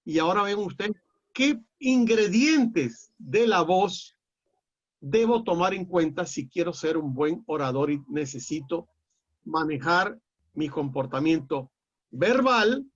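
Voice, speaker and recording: A middle-aged man with a Peruvian accent lecturing a class in a measured, explanatory way, often pausing on "eh". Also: on the high side, lively intonation, a bit bright. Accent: Peruvian Spanish. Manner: measured and explanatory, with frequent "eh" fillers and restarts. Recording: dull lo-fi audio.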